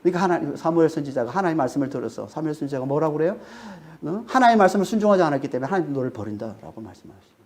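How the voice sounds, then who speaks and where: A woman's voice: low-pitched, animated, rapid-fire, darkish tone. A woman pastor preaching a sermon, emphatic, and she keeps prodding her listeners with questioning tags. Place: church sanctuary.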